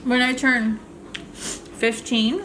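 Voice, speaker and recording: A woman's voice: a little high, little pitch movement, drawn-out words, a bit bright, a little hiss or hum. A woman hosting a mukbang video, chatting casually and rambling between bites of food. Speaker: mukbang channel host. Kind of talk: casual chat while eating on camera.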